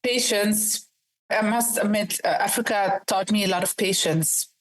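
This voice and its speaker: Woman in her thirties, from Ethiopia, investor guest, direct and earnest, rhetorical questions, mid-pitched voice. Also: steady tone, a little slow, poor audio. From Ethiopia, raised in the Netherlands. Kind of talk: podcast interview answers.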